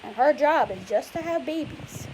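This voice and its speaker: A woman with a high, slightly mellow voice reads a picture book aloud to young children at a moderate pace, her intonation lively. She patiently explains the story in simple words and asks the listener questions. The audio is poor, with clear background hiss and noise.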